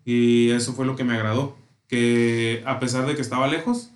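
A man's voice: medium pitch, steady tone, normal speed, roomy sound. A man with a Mexican accent telling concert stories in casual, slang-heavy chat. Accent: Mexican Spanish. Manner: enthusiastic, slangy storytelling.

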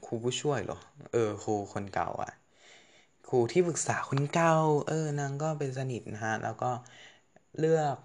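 A man's voice: medium pitch, animated, normal speed, a little hiss or hum. A teenage boy telling a story in a casual vlog, chatty, correcting himself and swearing casually. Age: teens. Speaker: student storyteller.

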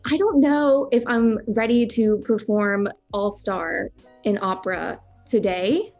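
A woman's voice: medium pitch, fairly even intonation, slow, darkish tone, dull audio, soft background music. A woman in her late twenties co-hosting a podcast, chatting and reading out listener questions. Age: late 20s. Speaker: podcast co-host. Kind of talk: casual podcast chat.

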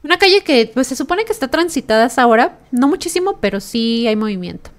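A woman's voice: high-pitched, very animated, quick pace. Chatty Mexican woman telling a story. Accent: Mexican Spanish. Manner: chatty, lots of fillers and tag questions. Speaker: podcast host. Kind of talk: personal storytelling monologue.

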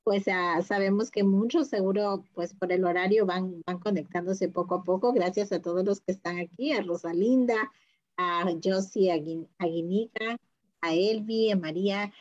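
A woman hosts a podcast in a relaxed, chatty way and greets the listeners by name. Her voice sits at a middle pitch. The recording sounds dull and lo-fi. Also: moderate pace. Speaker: podcast host. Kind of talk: podcast interview hosting.

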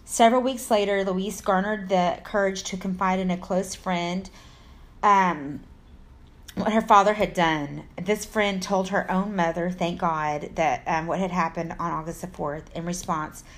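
A woman from Texas, speaking with an American accent, reads a story as co-host of a true crime podcast, loosely, with casual asides and stumbles. Her voice is lowish and fairly even, and she goes a little slowly.

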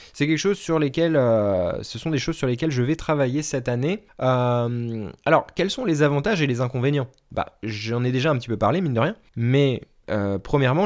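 A man's voice: medium pitch, a little mellow. Man, podcast host, casual solo talk, many fillers, speaks straight to listeners. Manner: hesitant, many fillers, addresses listeners directly. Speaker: podcast host and language teacher.

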